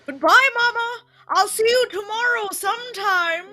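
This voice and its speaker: A performer playing a jolly, chuckling old Santa Claus in a live reading of an old-time radio play. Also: female voice, extremely high pitch, a little slow, sharp tone, full character voice. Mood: cheerful.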